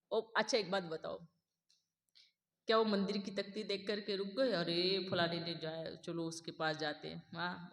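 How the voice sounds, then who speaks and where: A woman delivers a sermon with a bright, forceful tone, firing rhetorical questions at the gathering. Her voice rings out with a long hall reverb. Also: medium pitch. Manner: asks the listeners rhetorical questions; acts out others' boastful voices. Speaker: spiritual speaker.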